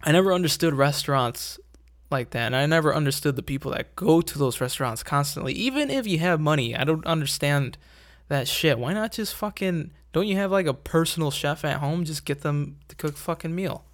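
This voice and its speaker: A man's voice: on the high side, expressive, brisk. A young man hosting a casual talk show, ranting and rambling with lots of swearing and wry complaints. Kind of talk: casual rant.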